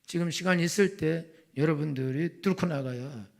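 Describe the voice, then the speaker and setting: A man's voice: on the high side, moderate pace, vocal fry. A middle-aged male pastor preaching a colloquial sermon, telling stories and acting out the voices of the people in them. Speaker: senior pastor.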